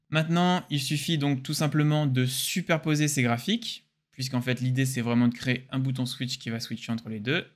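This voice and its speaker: A young man with a French accent hosting a casual, enthusiastic software tutorial. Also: a little high. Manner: casual, joking, enthusiastic explainer. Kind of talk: screen-recorded software tutorial.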